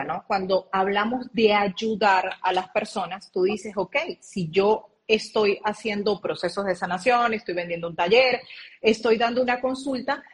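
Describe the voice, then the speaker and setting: A woman speaking as an interview guest over a video call, earnestly explaining and drawing on her own experience. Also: medium pitch.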